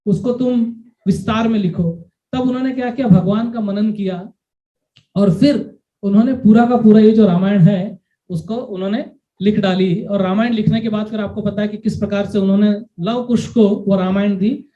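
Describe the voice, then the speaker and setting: A man's voice: high voice, fairly even intonation, normal speed. A man giving a devotional lecture who keeps asking the audience questions and mixes English phrases into his Hindi. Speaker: lecturer on scripture. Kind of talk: devotional lecture with sung verses. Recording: dull lo-fi recording.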